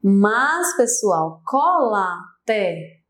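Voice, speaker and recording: Speaking very slowly in a sing-song, mid-range voice, this young adult woman with a Brazilian Portuguese accent walks through a grammar lesson for exam preparation. She breaks things down step by step and frequently turns toward her students.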